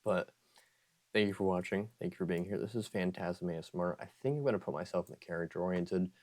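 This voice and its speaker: A man who hosts an ASMR channel, talking softly with a strained throat and rambling, often correcting himself and slipping into whispers. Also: sits low, quick pace. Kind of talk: soft-spoken ASMR outro chat.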